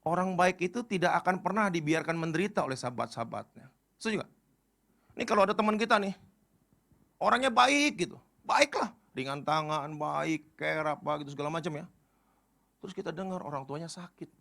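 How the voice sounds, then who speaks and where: A middle-aged man preaching a casual sermon to young people, speaking. His voice sits fairly high and bright, with a gravelly rasp running through it. He swings between loud, urgent appeals and quiet, slangy storytelling. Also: quick pace. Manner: animated, swings from loud pleas to quiet asides; storytelling with colloquial Jakarta slang. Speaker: pastor. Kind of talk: casual sermon to a youth crowd.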